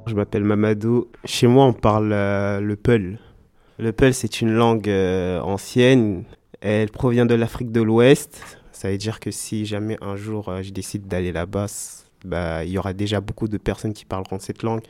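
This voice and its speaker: A man of Guinean family speaking hesitantly about his home language, pausing often. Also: lowish voice, fairly even intonation, a little mellow, clear, resonant tone. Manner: hesitant, many pauses and fillers. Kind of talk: personal testimony.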